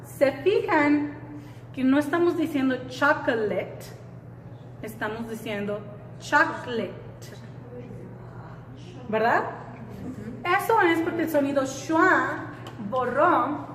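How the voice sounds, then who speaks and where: A woman leads a classroom lesson in a high voice and an unhurried pace. She keeps turning to the students with questions and repeats each word slowly. The sound is roomy, with a long echo and faint ambience behind her. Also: lively intonation. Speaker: English teacher. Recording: echoey room, faint background ambience.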